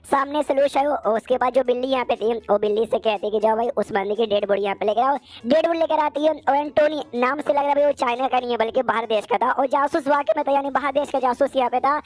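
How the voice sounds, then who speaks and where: A woman's voice: high voice, fast talker, a little mellow, no room sound. A woman narrating an anime recap in a casual, chatty way full of slangy asides.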